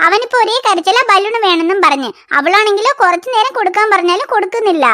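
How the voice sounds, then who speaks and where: A fast-talking, high-pitched cartoon mother, voiced by a woman who scolds her children firmly. Her bright voice rattles off warnings and reasons. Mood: scolding. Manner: scolding, threatening tone. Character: busy young mother, firm and scolding. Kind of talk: cartoon voice acting.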